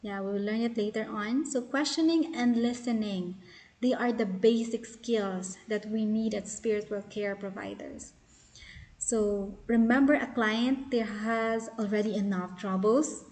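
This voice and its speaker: A woman's voice: medium pitch, unhurried, a little mellow. A woman teaching a lesson on spiritual care, explaining step by step with fillers and restarts. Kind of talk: teaching lecture.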